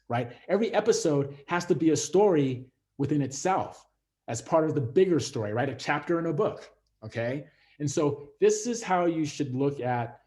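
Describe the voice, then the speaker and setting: Relaxed, mellow-voiced man lecturing. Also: mid-range voice. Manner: conversational, many fillers and restarts; acts out quoted voices. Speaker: instructor. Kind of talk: masterclass lecture on series writing.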